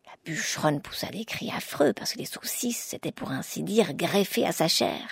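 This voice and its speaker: Low-voiced woman reading a fairy tale. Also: expressive, moderate pace, gravelly, slightly rough, no echo, studio quality. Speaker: narrator. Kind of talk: storybook narration.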